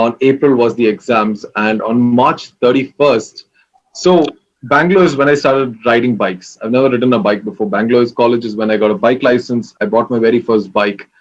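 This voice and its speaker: A man's voice: medium pitch, normal speed. Young man, lo-fi sound. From Kerala, India. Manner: relaxed, rambling, many fillers. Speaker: interview guest. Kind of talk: casual interview.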